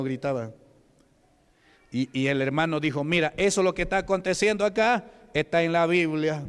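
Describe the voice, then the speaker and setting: Man, Peruvian Spanish accent, pastor, testimony sermon, questions to the congregation, smooth resonant voice, echoing church hall. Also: a little high. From Peru. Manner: conversational, asks the congregation questions. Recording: long hall reverb.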